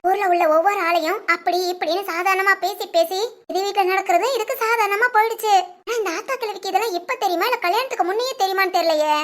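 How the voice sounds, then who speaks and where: A woman's voice: extremely high pitch, fast talker, a bit bright. A woman acting a nosy, gossiping village woman who pries and wheedles. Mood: muttering aside.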